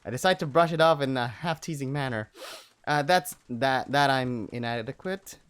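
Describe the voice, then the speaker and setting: A man's voice: medium pitch, normal speed, clean tone. A man playing through a visual novel and reading its lines aloud in a playful, jokey manner. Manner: playful, jokey, breaks into loud yells. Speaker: let's play gamer.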